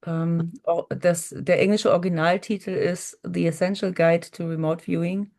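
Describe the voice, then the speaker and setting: A woman's voice: lowish voice, little pitch movement, normal speed, darkish tone. A woman co-presenting, giving informal explanations in a presentation.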